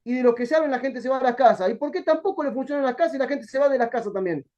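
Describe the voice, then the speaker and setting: A man with a Rioplatense accent, a pastor giving a colloquial, lively Bible study sermon and acting out bits of dialogue. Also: very high voice, rapid-fire. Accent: Rioplatense Spanish. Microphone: video call. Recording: dull lo-fi video call audio.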